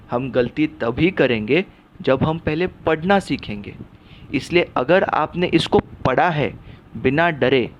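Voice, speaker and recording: A man gives a spoken phonics lesson, mixing Hindi and English and spelling words out letter by letter with patient explanations. His pitch is medium, the audio is dull, and there's slight background noise.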